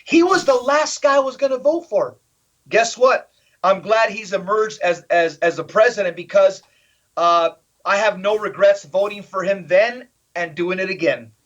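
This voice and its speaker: Man with a high voice firing off rhetorical questions, punchy and emphatic, kinda dull lo-fi audio. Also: normal speed, fairly bright tone. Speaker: guest. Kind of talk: animated political interview talk.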